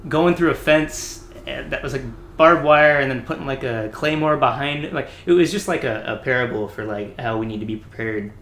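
A man in casual chat, telling boot camp stories in an animated way and often saying "like". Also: mid-range voice, a little fast, few pauses, reverberant, slight background noise. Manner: animated storyteller who often says "like".

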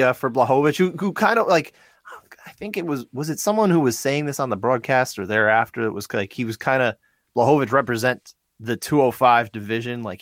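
A man co-hosting a sports podcast in casual chat, animated and full of restarts and asides. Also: mid-range voice, no room sound, studio quality. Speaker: podcast co-host.

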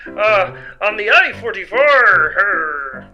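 A chipper, earnest space hero from an old-time radio serial, as a man plays him. His voice sits high and sounds brilliantly bright, rising and falling widely while he speaks at a slow, deliberate pace. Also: big pitch swings, highs cut off, soft background music, exaggerated voice. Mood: flustered fake pirate. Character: heroic male space ranger, cheerful and earnest. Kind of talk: retro radio serial parody.

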